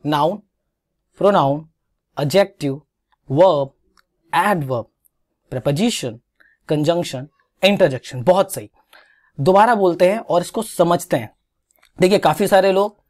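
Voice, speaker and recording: Animated Indian man teaching grammar. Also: fairly high pitch. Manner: animated, coaxing, drills pronunciation with repetition. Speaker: English teacher. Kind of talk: exam-prep grammar lesson.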